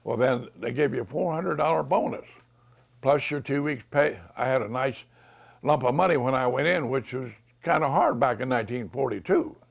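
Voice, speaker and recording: An American man in his nineties, an old war veteran remembering his service, telling anecdotes in a creaky, gravelly voice and acting out remembered dialogue. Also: mid-range voice. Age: 90s. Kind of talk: oral history reminiscence.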